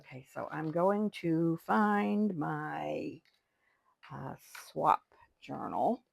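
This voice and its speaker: Very slow and low-pitched, this older woman's gravelly, husky voice comes through poor audio. She hosts a craft video, chatting casually and rambling to herself as she works.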